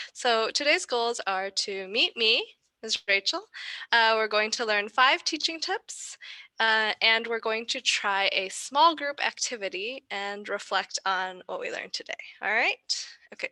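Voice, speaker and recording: A woman's voice: mid-range voice, pushed and bright, dry recording. A young American woman giving a friendly online lecture, often asking the class questions over a video call. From United States.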